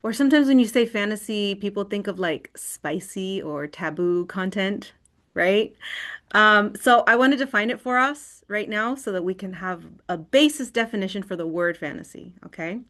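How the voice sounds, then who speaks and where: A woman's voice: mid-range voice, lively intonation, moderate pace, fairly bright tone. A woman leading an online wellness workshop in a screen recording of a video call. She talks conversationally and often checks in with "right?".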